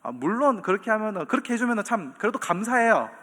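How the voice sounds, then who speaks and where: Lively pastor preaching in a hall. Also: male voice, sits high, quick pace. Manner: animated storytelling with acted quotes and chuckles. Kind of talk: sermon. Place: church sanctuary. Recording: long church hall reverb.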